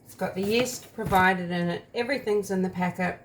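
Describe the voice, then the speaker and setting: A woman's voice: medium pitch, brisk, a little hiss or hum. A woman chatting casually through a home baking taste test, rambling and talking while she eats.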